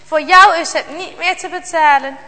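A despairing father full of guilt, as a woman reading a storybook puts him on. He pleads in an anguished, high, bright voice. A long reverb hangs in the room. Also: normal speed. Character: frightened, guilt-stricken mountain father.

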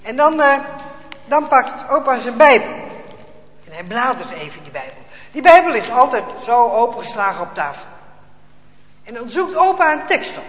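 A man telling a children's Bible story in an expressive, dramatic way, with small hesitations. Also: very high-pitched, normal speed. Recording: echoey hall, dull lo-fi sound.

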